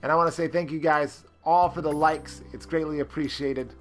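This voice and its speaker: A man's voice: a little high, fairly even intonation, brisk, faint music behind. A man streaming a character-creation game, rambling with lots of fillers and greeting chat viewers. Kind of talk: casual live-stream commentary.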